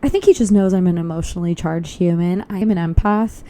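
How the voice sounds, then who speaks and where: This young woman has a fairly low, mellow voice and talks fast, vlogging in a chatty, upbeat manner while thinking out loud. She sounds a bit tired as she walks outdoors on a noisy city street.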